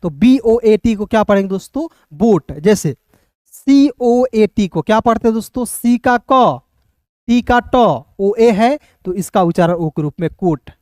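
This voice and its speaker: A man's voice: high voice, lively intonation, a little slow, a little mellow, no echo, studio quality. A man teaching an English lesson to viewers in a classroom style, explaining step by step and often asking questions and calling them friends. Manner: frequently addresses listeners as friends.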